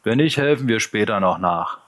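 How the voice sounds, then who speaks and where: A sneering thug boss in a gritty audiobook, drawling his mockery slow and loud, as a male narrator puts him on. He sounds higher and harder than the plain reading, every word dragged out with cruel, sugary scorn. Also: lively intonation. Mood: taunting. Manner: slow, taunting, mock-sweet. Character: mocking loud neo-Nazi gang leader, young man.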